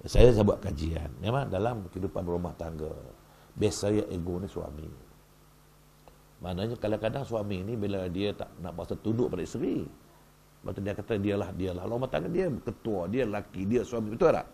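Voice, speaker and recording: A man giving a humorous religious workshop talk in a mosque, lively and peppering the audience with rhetorical questions. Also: lowish voice, moderate pace, creaky, slight background noise. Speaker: religious lecturer. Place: mosque hall.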